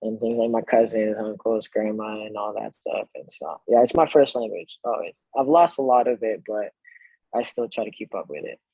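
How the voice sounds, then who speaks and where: A man's voice: fairly low pitch, normal speed, vocal fry, husky, no echo, highs cut off. A French-born man whose first language is French, a professional soccer player chatting easily as a podcast guest. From France. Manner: relaxed, chatty, laughs easily. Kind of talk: casual podcast interview.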